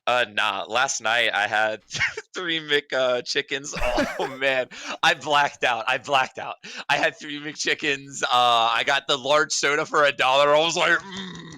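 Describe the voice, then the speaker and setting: A man's voice: mid-range voice, measured pace, pushed and bright, clean tone, no room sound. A man in his late twenties, a podcast guest, chatting casually in slang and laughing often as he talks. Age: late 20s.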